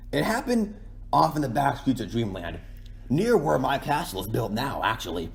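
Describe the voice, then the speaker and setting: A man voicing a self-pitying, boastful cartoon penguin king in a folksy, rambling ASMR roleplay monologue, with a gravelly, creaky voice. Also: mid-range voice, slight background noise. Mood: boastful, aggrieved.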